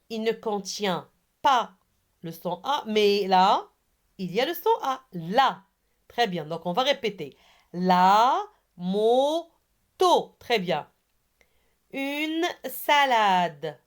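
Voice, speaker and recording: A woman teaching a reading lesson to young children, spelling out words syllable by syllable and praising her pupils. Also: medium pitch. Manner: slow, syllable by syllable, has pupils repeat after her; encouraging. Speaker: primary school teacher.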